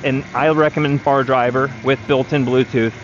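A man's voice: mid-range voice, flat delivery, normal speed, slight background noise. Man explaining battery builds while riding. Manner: practical, matter-of-fact, speaking while riding. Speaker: vlogger, electric vehicle builder. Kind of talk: casual explanatory ride-along talk. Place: outdoors on a moving four-wheeler by a river. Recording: dull lo-fi action camera audio with music underneath. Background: background music.

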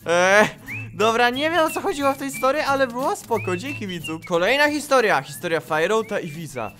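Gaming host, male, high lively voice, excitable let's-play commentary with faint music behind. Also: fairly quick. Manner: excitable, exclaiming and laughing at the game. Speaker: gaming YouTuber. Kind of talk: live gameplay commentary.

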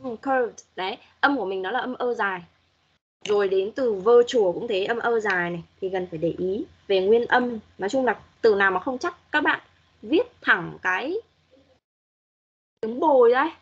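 A woman's voice: fairly high pitch, moderate pace, breathy edge, highs cut off. A woman English teacher giving patient, corrective feedback to students in an online class, modeling pronunciation as she goes.

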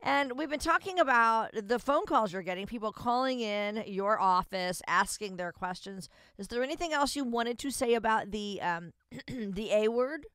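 A woman with a Southern US accent co-hosting a radio show, moving smoothly between segments. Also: on the high side, expressive, moderate pace, fairly bright tone, dry recording. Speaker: radio co-host.

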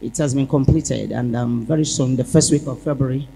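A woman giving an animated church testimony, acting out the dialogue as she tells it. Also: extremely low pitch, a little fast, creaky, very noisy. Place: large church hall. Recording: echoey church hall.

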